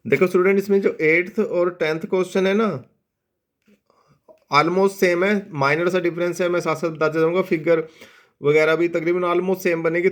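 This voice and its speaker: Man, maths teacher, somewhat high voice, steady board explanation that slows for dictation. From India. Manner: mixes Hindi and English, checks in with students often; slows down to dictate English statements. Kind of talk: board lesson explaining geometry.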